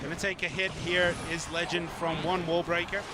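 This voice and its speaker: High-voiced excitable esports caster. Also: male voice, very noisy. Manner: excitable, quick reactions, mock-scolds the player. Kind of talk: play-by-play commentary.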